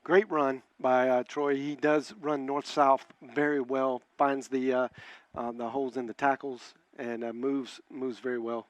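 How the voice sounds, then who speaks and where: A man's voice: mid-range voice, level tone, unhurried, dry recording. A man giving football color commentary in a broadcast booth, plain-spoken and hesitant, with many filler sounds.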